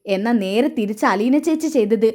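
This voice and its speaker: A woman's voice: on the high side, expressive, normal speed, dark tone. A woman reading the lines of a blunt, defiant young adult daughter reproaching her mother. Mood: reproachful.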